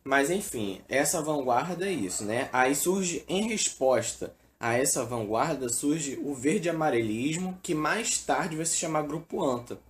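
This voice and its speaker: Male teacher, Brazilian accent, mid-pitched, casual delivery with frequent fillers. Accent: Brazilian Portuguese. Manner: casual, fills with "né" and "é". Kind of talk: informal recorded lesson.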